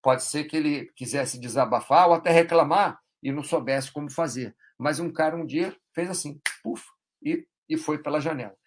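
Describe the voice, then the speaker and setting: A man's voice: on the high side, moderate pace, slight background noise. Man explaining things on a live stream. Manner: rambling and explanatory, with frequent "né?" and "tá?" tags.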